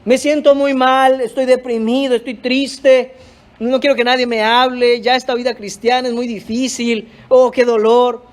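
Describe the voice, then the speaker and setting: A man's voice: high voice, big pitch swings, moderate pace, long pauses, a little mellow. A man voicing gloomy, self-pitying disciples who brush off good news, in a sermon. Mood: sulking. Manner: whiny, dismissive.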